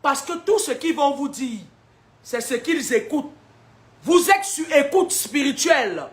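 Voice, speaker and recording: A woman's voice: high-pitched, expressive, measured pace. A woman, a spiritual seer preaching warnings in an emphatic, combative way, with rhetorical questions and frequent laughter. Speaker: spiritual seer giving prophecies.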